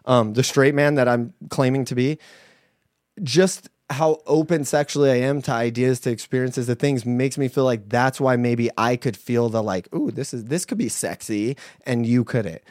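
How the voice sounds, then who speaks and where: A young man co-hosting a casual podcast chat, animated and laughing often, swearing casually. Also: medium pitch, normal speed, no echo, studio quality. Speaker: podcast co-host.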